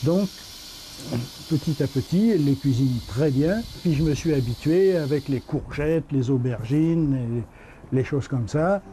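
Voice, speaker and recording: A man chatting in a relaxed, anecdotal way during a documentary interview about his eating habits. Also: a little high, unhurried, slight background noise. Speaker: hospital nutrition workshop participant.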